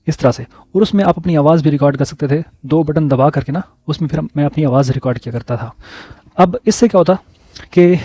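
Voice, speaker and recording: A man telling personal stories in a casual vlog, relaxed and repeating words for emphasis. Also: a little high, dry recording. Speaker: vlogger.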